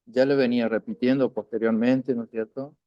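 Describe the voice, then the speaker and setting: A man teaching a recorded language lesson, patiently repeating words slowly and checking in often with "isn't that right?". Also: medium pitch, fairly even intonation, dry recording, dull audio.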